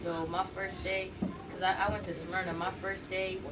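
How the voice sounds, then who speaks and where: Animated young woman telling school stories. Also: fairly low pitch, moderate pace, very noisy. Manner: animated, quotes herself, slangy. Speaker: guest. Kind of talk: casual storytelling. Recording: distant mic with chatter behind.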